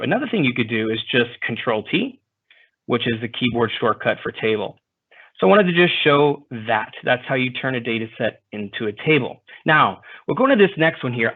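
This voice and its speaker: Man teaching spreadsheet tips over tinny call audio. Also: mid-range voice. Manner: relaxed, conversational, with frequent fillers and self-corrections. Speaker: presenter of a software training webinar. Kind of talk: screen-share software tutorial.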